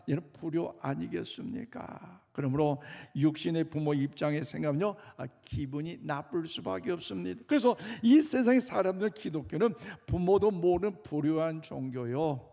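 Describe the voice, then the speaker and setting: A man's voice: on the high side, creaky, a little mellow. A man preaching a Sunday sermon in a church sanctuary, earnestly and emphatically addressing the congregation. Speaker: pastor. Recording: long reverb of a church hall.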